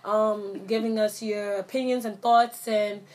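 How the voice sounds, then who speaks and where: A woman's voice: mid-range voice, little pitch movement, measured pace, darkish tone. A young woman co-hosting a podcast in loose, casual chat, laughing often. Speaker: podcast co-host.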